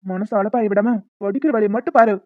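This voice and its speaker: Gruff young man in an audio drama, played by a woman, fast, dull dry lo-fi sound. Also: medium pitch, no echo, lightly acted. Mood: stern. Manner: gruff and scolding. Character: stern young man scolding his admirer.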